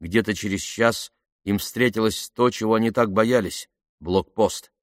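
A man narrating an audiobook with even, measured storytelling. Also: fairly low pitch, no room sound, clean studio sound.

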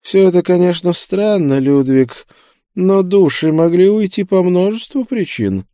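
A man's voice: high-pitched, lively intonation, a little slow, mellow, dry recording, studio quality, voice pushed up. A man doing a jovial, teasing preacher. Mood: wry teasing. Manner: wry, joking. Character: jovial middle-aged male preacher, teasing.

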